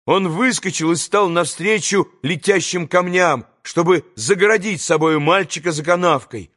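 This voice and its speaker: A man narrating a classic novel as an audiobook reader, measured and expressive. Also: sits high.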